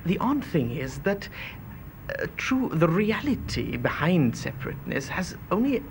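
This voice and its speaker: A man's voice: a little high, big pitch swings, a little slow. A man giving discursive interview answers in hesitant, intellectual phrasing, circling back over his words. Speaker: interviewee, commentator. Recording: faint background noise.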